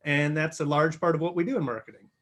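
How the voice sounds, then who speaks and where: A man hosting an interview show, friendly and halting, often restarting his questions. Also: fairly high pitch, fairly even intonation, fairly bright tone. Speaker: podcast host.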